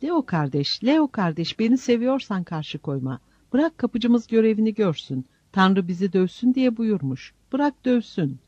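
A man voicing a gentle, frail, humble friar who speaks softly and earnestly in a storybook reading. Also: sits high, very animated, unhurried, hardly any pauses, no echo, pitched above the performer's own voice, heavily acted. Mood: pleading. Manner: soft, pleading, earnest. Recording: dull lo-fi recording.

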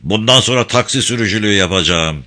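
A man's voice: fairly low pitch, expressive, quick pace, pushed and bright. A man voicing a grumbling, cursing male deckhand in an audiobook. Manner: swearing, complaining.

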